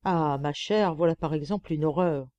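A woman audiobook reader narrates as a pampered, gossipy female lapdog penning confiding, mocking letters. She sounds low-pitched, mellow and natural at a moderate pace, in a dry, lo-fi recording.

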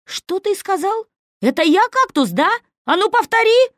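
A woman's voice: on the low side, very animated, unhurried, warm tone, no echo, clean studio sound. A woman voicing a kindly, patient male crook of about forty who reads aloud and takes offense. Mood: indignant. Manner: soothing, reading a letter aloud.

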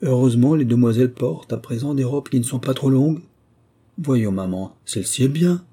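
A man reading an audiobook voices a headstrong, playful young girl, lifting his voice and talking quickly and teasingly. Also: medium pitch, warm tone, breathy edge, pitched above the performer's own voice. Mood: eager.

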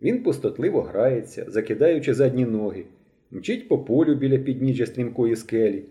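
A man's voice: mid-range voice, normal speed. Dramatic male audiobook narrator. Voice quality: expressive, dramatic delivery. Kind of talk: audiobook reading.

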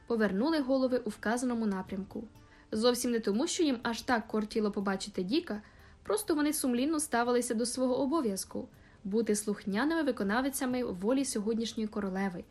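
A woman reads a classic novel aloud with measured, expressive storytelling. Her voice sits fairly high for a woman. Soft music plays faintly underneath. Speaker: audiobook narrator. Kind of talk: scripted narration.

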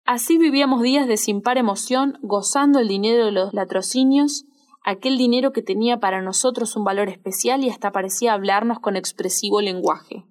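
A woman with a Rioplatense accent narrating a literary audiobook in a measured, expressive reading. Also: on the high side. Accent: Rioplatense Spanish. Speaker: audiobook reader.

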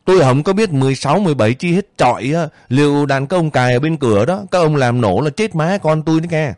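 A man voicing a sharp-tongued young village woman who scolds quickly and insistently. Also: a little high, expressive, no room sound, clean studio sound, voice pushed up, natural voice. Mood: scolding.

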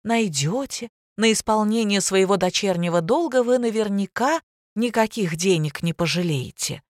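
A woman reading an audiobook voices a timid middle-aged mother who speaks softly, calm and restrained. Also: medium pitch, normal speed, dry recording, clean studio sound, close to an everyday voice. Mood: dry calm.

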